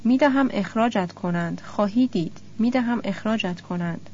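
A woman's voice: medium pitch, a little mellow, highs cut off, slight background noise, close to an everyday voice. A woman voicing a rude, demanding male hotel guest in an audiobook. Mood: indignant. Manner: indignant, demanding.

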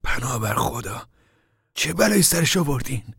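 A man's voice: a little high, very animated, creaky, bright, forceful tone, breathy edge, no echo, studio quality, pitched above the performer's own voice, heavily acted. A man voicing an impulsive, defiant young man who protests being ordered around.

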